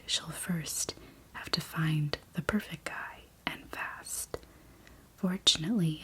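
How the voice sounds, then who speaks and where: A woman in a whispered role-play as a library clerk, speaking in a soft, breathy library whisper with gentle customer-service manner. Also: sits low, rough recording. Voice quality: breathy, mostly unvoiced whisper. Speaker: ASMR performer playing a library clerk.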